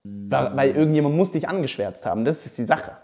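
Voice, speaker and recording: Slangy young man with a mellow voice. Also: on the high side, a little fast. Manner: slangy, animated storyteller. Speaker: podcast host. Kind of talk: casual storytelling chat.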